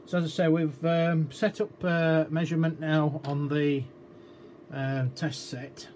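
A man with a slightly high, somewhat mellow voice explains a repair in a flat, measured way. Working at an indoor electronics bench, he demonstrates informally, thinking aloud and sounding hesitant. The room recording has clear workshop noise.

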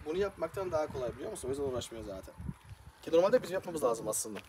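A man chatting casually in a garden, practical and explaining plans in quick bursts. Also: fairly high pitch, sing-song, a crowd in the background. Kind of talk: casual chat. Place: garden outdoors.

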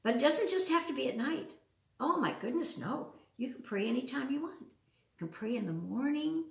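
In a large open indoor living room with a wood floor, a woman around 70 reads a children's story with chatty asides, her fairly high voice expressive, varied in pitch, and touched with vocal fry at normal speed. She speaks in simple phrases and frequently asks the children questions, and she's recorded from a distance with a roomy echo.

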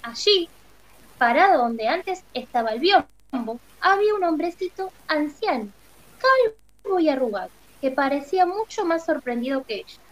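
A woman's voice: high voice, sing-song, moderate pace, low-quality recording. A woman teacher with an Argentine accent, reading a children's book aloud expressively. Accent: Argentine Spanish.

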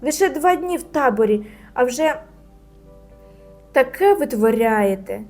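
A woman voicing a strict camp counselor in a storybook reading, scolding loudly. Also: fairly even intonation, fast, soft background music, close to an everyday voice. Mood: shrieking. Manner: scolding, shrill when shouting.

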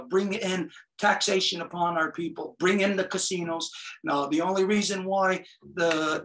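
A man's voice: sits high, fairly bright tone, recorded from a distance, rough recording. A man from Kahnawake hosting a livestreamed talk, accusatory and rambling with many fillers. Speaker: host of a community talk show.

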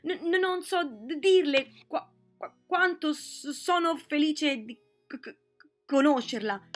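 A jittery young professor trips over every syllable in a raised, strained voice, as a woman reading aloud puts him on. He drags his words out slowly and stammers. He sounds close to panic in this storybook telling. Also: high-pitched, soft background music, pitched above the performer's own voice. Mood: nervous stammer. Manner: stutters on every word.

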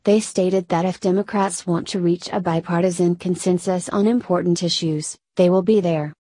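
A woman reads scripted news in a steady read-aloud way, stumbling over abbreviations. Her voice sits fairly low and has a dark, mellow tone. The close voice-over sounds dry, with no room around it. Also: normal speed, no room sound. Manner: even read-aloud delivery that garbles abbreviations. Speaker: news narrator.

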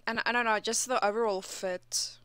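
A woman's voice: fairly high pitch, steady tone, normal speed, sharp tone, clear, resonant tone, dry recording. A woman hosting a reaction channel, giving skeptical and critical commentary.

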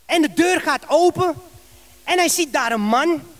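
Very high-voiced preacher man. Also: measured pace. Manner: animated storytelling with rhetorical questions. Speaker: pastor. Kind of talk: sermon. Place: church.

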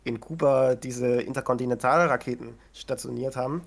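A man's voice: mid-range voice, fairly even intonation, normal speed, vocal fry. Chatty male podcast co-host. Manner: chatty, laughs often, teasing. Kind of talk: casual chat.

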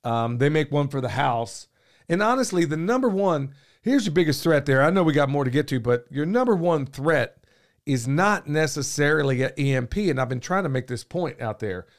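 A podcast host chats casually in a small indoor studio, wearing headphones at a boom-arm mic. His slightly high, expressive voice is hoarse as he loses it, yet he rambles on at a moderate pace in a folksy way, saying "y'all" and gesturing a lot.

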